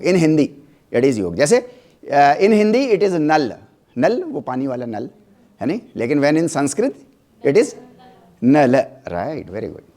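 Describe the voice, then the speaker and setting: In a lecture hall, a man with a slightly high, mellow voice gives a yoga lecture, switching between Hindi and English. He often checks in with "right?" and has the class repeat words aloud after him.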